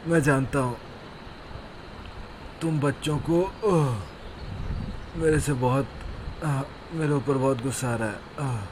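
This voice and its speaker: Cartoon village elder, voiced by a man: pompous, rambling scolder, slow drawl. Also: medium pitch, background noise, natural voice. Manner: scolding, rambling, full of himself. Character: boastful bumbling village elder, male, middle-aged. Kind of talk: animated cartoon voice acting.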